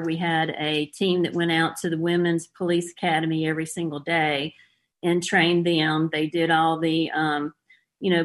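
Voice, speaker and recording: A middle-aged woman with a Southern US accent, a former police officer telling her story plainly as a guest in an interview. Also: sits low.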